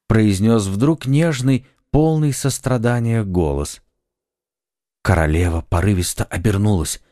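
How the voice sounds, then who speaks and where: A man narrates a children's storybook at a steady, measured pace. His voice sits on the low side, and the sound is close and dry. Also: no echo. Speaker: audiobook narrator. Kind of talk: scripted narration of a children's audiobook.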